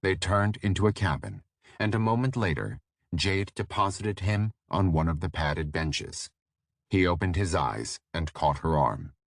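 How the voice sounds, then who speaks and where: A man narrating a fantasy audiobook in a steady, measured storytelling voice. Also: low voice, no echo, studio quality.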